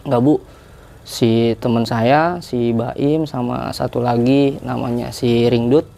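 A young man tells a story on a podcast in an easy, chatty way, and his sentences wander. His voice is low and mellow with a gravelly edge, and his pitch sits in a middle range. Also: fairly even intonation, takes it slowly. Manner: chatty, rambling, with many filler tags. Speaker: guest telling a hiking story.

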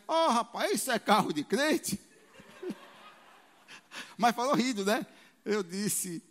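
High, animated preaching pastor in a reverberant hall. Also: male voice. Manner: animated preaching with sudden loud peaks and quoted voices. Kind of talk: sermon. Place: church hall.

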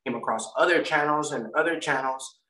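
In an echoey room and well back from the microphone, a man talks fast in a bright, high voice during a relaxed interview. He is a guest and First Amendment auditor, originally from Puerto Rico and raised in Florida, and he wanders, frequently repeating and restarting his sentences.

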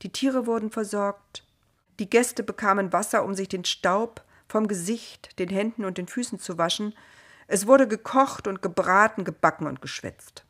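A woman telling a Bible story in a calm, gentle storytelling voice. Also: mid-range voice, normal speed. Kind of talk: scripted children's Bible story reading.

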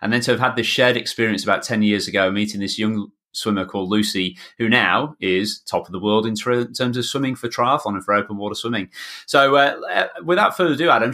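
A man's voice: medium pitch, a bit bright. A middle-aged man with a broad Yorkshire accent, hosting a podcast in an enthusiastic, wordy, chatty way. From north of England. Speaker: podcast host, swimming coach. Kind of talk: chatty podcast introduction and interviewing.

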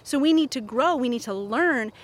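Woman in her forties, therapist podcast host, chatty and animated, fairly high voice. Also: normal speed. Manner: chatty and animated, laughs often. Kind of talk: casual podcast monologue.

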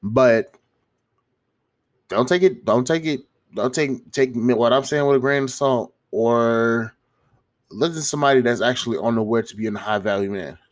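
A man's voice: mid-range voice, normal speed. A man with a stuffy, congested nose gives casual motivational advice to viewers, rambling in slangy, sweary language and often restarting his phrases. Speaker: YouTuber giving self-improvement advice.

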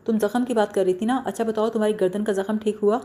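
A woman reads a young man who dodges questions with teasing, offhand remarks. The voice stays mellow and warm. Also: mid-range voice, fairly even intonation, close to an everyday voice.

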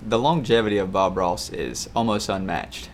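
A man's voice: fairly low pitch, normal speed. A man hosting a podcast, chatting casually and laid-back. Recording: faint background noise.

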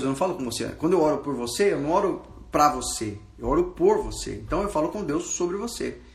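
A man's voice: fairly high pitch, roomy sound. A man with a Brazilian Portuguese accent, a pastor giving an informal sermon, preaching in a casual, slangy way and talking straight to his listeners.

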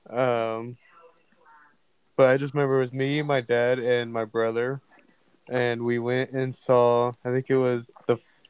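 A man on a podcast recalling a memory in a halting, casual way, with many fillers. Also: mid-range voice, clear, resonant tone, no echo. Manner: hesitant, lots of ums and likes. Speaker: podcast co-host. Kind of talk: casual storytelling.

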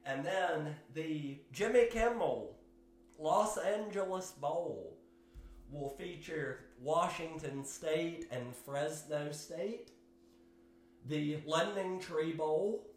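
A man hosting his own sports podcast, giving solo commentary in a slow, measured way with fillers and hedges. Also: fairly high pitch, echoey room, a little hiss or hum. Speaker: podcast host.

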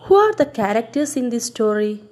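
A woman's voice: on the high side, normal speed. A woman teacher retelling a story to her students, stopping to quiz them with questions and stressing key words. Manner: expressive, quizzes listeners with questions.

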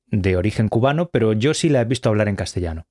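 A man, talking in a measured, agreeable way and checking facts in a casual podcast conversation. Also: fairly low pitch, lively intonation, a little mellow. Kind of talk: casual chat.

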